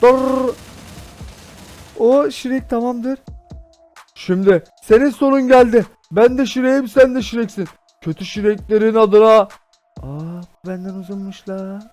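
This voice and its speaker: A man giving excitable, jokey commentary as a gaming YouTuber, talking to his viewers. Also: very high-pitched, unhurried, long pauses, faint music behind.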